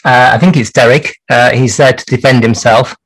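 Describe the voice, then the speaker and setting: A man's voice: mid-range voice, fairly even intonation, moderate pace, a bit bright, rough recording. A man hosting a clock repair livestream from his workshop bench, chatting through the work with dry jokes and lots of hesitations.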